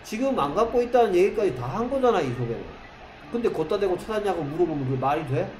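A man's voice: high voice, big pitch swings, a little mellow. Man teaching English in an echoey classroom. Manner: questioning, drills students with rhetorical questions; reads English examples slowly, word by word. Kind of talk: classroom grammar lesson. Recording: echoey classroom with faint noise.

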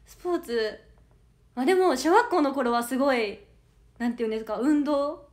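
Livestreaming as an idol audition candidate, a bubbly woman in her early twenties with a soft Kansai Japanese lilt reads fans' comments aloud and keeps breaking into giggles. Her high, bright voice carries youthful energy at a normal speed.

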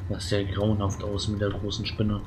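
A man giving casual commentary while playing a video game, swearing and shouting in the fights. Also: lowish voice, monotone, moderate pace, background noise. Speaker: let's play gamer. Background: loud game music.

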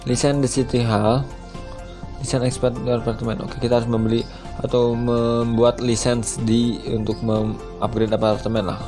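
Over game music, a young Indonesian-accented man talks through his gameplay in loose, slangy terms on a headset mic for his YouTube channel. His medium-pitched voice is flat and moves at normal speed.

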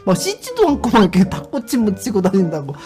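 배경에 음악이 또렷하게 깔린 방송에서 한 남자 스트리머가 편하게 이야기를 풀어 놓는다. 목소리의 높낮이가 크게 오르내리고, 자주 웃으며 다른 사람들의 말투를 흉내 낸다. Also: male voice, high voice, quick pace. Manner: animated, laughs often, acts out other people's lines. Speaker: YouTube streamer. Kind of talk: casual storytelling chat. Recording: background music under the voice. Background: music.

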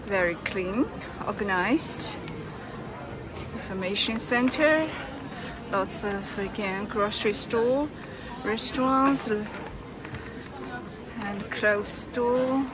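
Over the noise of a busy terminal, a woman with a medium-pitched voice films a casual walking tour of a large airport on her camera mic. As a travel vlogger, she narrates in slow, simple phrases that come out haltingly.

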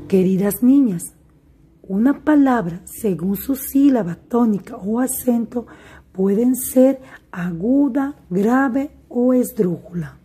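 Slow husky woman teaching a class. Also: fairly high pitch, dark tone. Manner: slow, deliberate, addresses pupils directly. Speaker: primary school teacher. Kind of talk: recorded remote class lesson.

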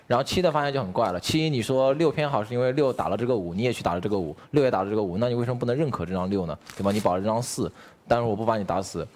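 Male game-show player, mid pitch, quick delivery, jokey step-by-step argument. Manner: joking, lays out logic step by step. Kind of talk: game-table speech.

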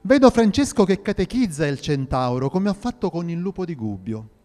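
A man voicing a calm, commanding medieval emperor in a measured, regal tone. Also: high-pitched. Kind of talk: audio drama reading. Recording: reverberant hall with faint music.

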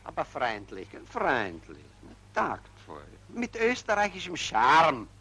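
An actor playing a flustered official, who stammers and exclaims in 1940s film style. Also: male voice, a little high, huge pitch swings, takes it slowly, bright, forceful tone, a little hiss or hum, full character voice. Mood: hesitant. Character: bewildered, fussy male official.

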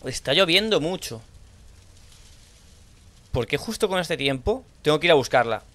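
A young man with a Spanish accent from Spain, playing a horror game and thinking aloud in low mutters, now and then shouting out. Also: lively intonation, normal speed. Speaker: gaming streamer. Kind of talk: horror let's play commentary.

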